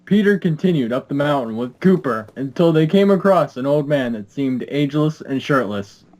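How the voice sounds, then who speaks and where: A man narrating a story in a plain, steady read-aloud manner. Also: on the high side, normal speed, rough recording. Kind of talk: scripted narration.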